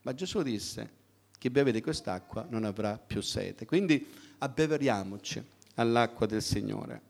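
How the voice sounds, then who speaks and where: A middle-aged man delivers a sermon to his congregation. His tone is conversational and direct, with frequent rhetorical questions and pauses for the listeners to respond. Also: medium pitch, vocal fry. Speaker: preacher.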